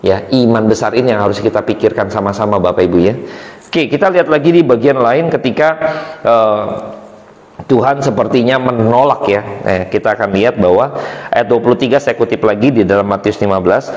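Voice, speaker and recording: A middle-aged man preaching a sermon as pastor, talking in a chatty, animated way with many fillers. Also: on the low side, brisk. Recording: roomy hall with long reverb.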